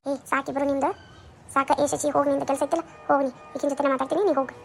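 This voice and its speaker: A woman's voice: high voice, little pitch movement, racing, gravelly, faint music behind. A woman playing a worried middle-aged mother in a comedy skit, with a North Karnataka Kannada accent, lecturing and nagging. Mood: scolding. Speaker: skit actor.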